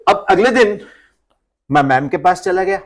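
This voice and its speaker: A male physics teacher telling a story to his class, animated and acting out the people in it, mixing Hindi with English physics phrases. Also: high-pitched, unhurried.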